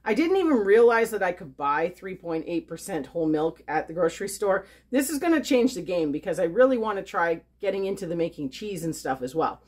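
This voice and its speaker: Low-ish and a little mellow, her voice is very animated and brisk with few pauses. She's a homesteading host making a cooking video in her home kitchen, chatty and upbeat, thinking aloud as she works.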